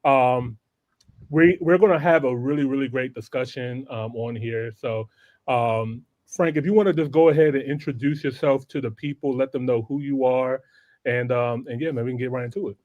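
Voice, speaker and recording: A man's voice: medium pitch, steady tone, normal speed, a little mellow, no room sound, highs cut off. A man hosting a live online talk show, chatting loosely with slang and frequent laughs. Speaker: podcast host. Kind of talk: casual live-stream chat.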